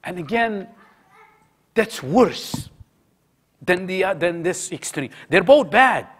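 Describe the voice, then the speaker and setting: High-voiced man teaching a study circle. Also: animated, takes it slowly, a bit bright, husky. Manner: conversational, asks the audience questions and repeats phrases; mixes in Arabic words. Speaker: halaqa teacher. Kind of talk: religious study circle talk.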